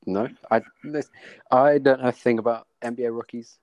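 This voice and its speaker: A man's voice: medium pitch, fairly even intonation, moderate pace, a little mellow, dry recording. A man co-hosting a casual sports podcast, speaking in a dry, offhand way. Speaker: podcast co-host.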